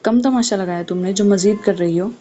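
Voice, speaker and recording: A woman's voice: medium pitch, mellow, natural voice. A woman voicing a cold, domineering young mafia man who speaks bluntly and with threats, on a dull lo-fi recording with faint hiss. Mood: menacing.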